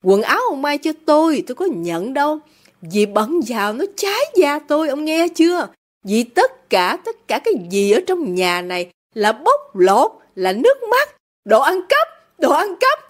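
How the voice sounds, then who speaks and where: A woman voices a proud young woman turning on her rich father. She speaks coldly and bitterly, her high voice leaping with scorn. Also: big pitch swings, moderate pace. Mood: defiant. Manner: cold, defiant, bitter.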